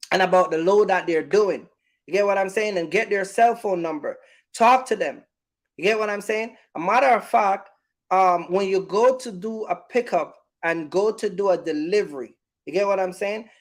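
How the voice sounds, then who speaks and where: Addressing his audience head-on, a high-voiced man who runs a trucking-business YouTube channel delivers a casual advice monologue. He hammers his points home through repetition and frequently asks whether listeners follow him.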